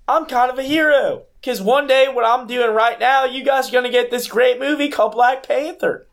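A man's voice: very high-pitched, moderate pace, vocal fry, a bit bright, heavily acted. A man voicing a boastful old-time Southern plantation owner in an improvised comedy bit, with a put-on Southern accent that drifts toward a sitcom drawl. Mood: deadpan boastful. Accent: put-on Southern US, Seinfeld-like.

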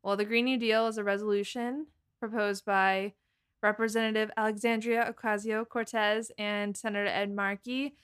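A young woman from Massachusetts co-hosts a political podcast, chatting casually in an American accent and saying "like" a lot. Her medium-pitched voice is fairly bright and smooth, with a level tone and normal speed.

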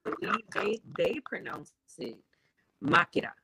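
A woman who is a guest musician in a casual interview, explaining herself in a thoughtful, hesitant, measured way. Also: sits low, very noisy.

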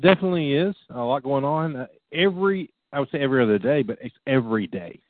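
A man co-hosts a casual show, tossing in laid-back, jokey asides. His sound is dry and narrow, like it's coming through a phone line. His pitch sits in an ordinary middle range. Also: expressive, fast talker, dry recording. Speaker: co-host. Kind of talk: casual radio show chat.

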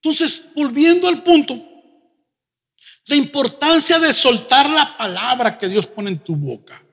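High-pitched preaching pastor in a hall. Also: male voice. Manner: animated preaching, mimics congregants in quick asides. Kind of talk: sermon. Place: church sanctuary. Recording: church hall with long reverb.

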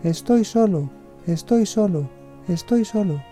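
A man reading a children's story, voicing a mountain echo that repeats each phrase more and more faintly, in a high, distant, slow storybook voice. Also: animated, mellow, faint music behind. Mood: fading echo. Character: mountain echo repeating words, fading away. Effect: echo, each phrase repeated and fading off.

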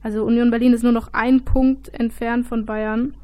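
A woman's voice: a little high, little pitch movement, moderate pace, dark tone. A woman co-hosting a casual football chat, hesitant and full of filler sounds. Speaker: football podcast co-host.

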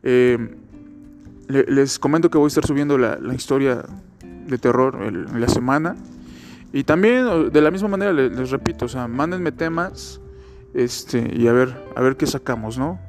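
Hungover mexican guy doing a solo podcast, rambly and slangy, kinda crude jokey, average pitch, bit of music behind. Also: normal speed, darkish tone. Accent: Mexican Spanish. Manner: informal, crude slang, joking. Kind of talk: casual rambling monologue.

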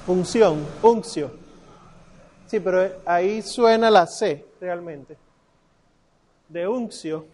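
A man's voice: sits high, takes it slowly, pauses often, darkish tone, a little hiss or hum. A man teaching a class on church Latin pronunciation, patiently explaining and drawing out the prayer words. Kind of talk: classroom lesson.

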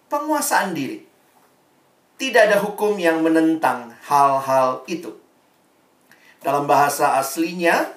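A man preaching to young people in a relaxed, conversational way, dropping English Bible phrases into his talk. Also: fairly high pitch. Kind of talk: sermon. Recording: echoey room, mic at a distance.

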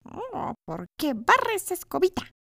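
A woman's voice: very high voice, huge pitch swings, slow pace, vocal fry, sharp tone, dry recording, clean studio sound, voice pushed up, exaggerated voice. A woman voicing a frantic talking little cart in a storybook tale, rattling off its lament. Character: frantic little cart, thing, high-pitched.

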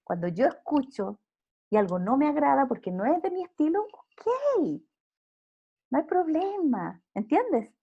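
A woman's voice: sits high, big pitch swings, unhurried, dull audio. A woman speaking earnestly in a casual faith interview, preaching with emphatic repeated phrases.

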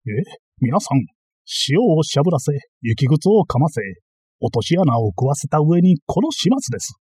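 Brief: male reader doing a blustering, clownish master thief, voice pushed higher, husky, dry close read. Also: very animated, normal speed, dark tone, dry recording, exaggerated voice. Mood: indignant. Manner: boastful, ranting, easily flustered. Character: blustering bumbling self-styled master thief, man.

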